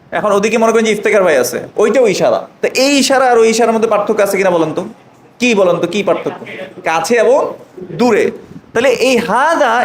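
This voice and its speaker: A man teaching an online Arabic lesson, drawing out slow model phrases and often asking the students check questions. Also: high-pitched, echoey room, poor audio.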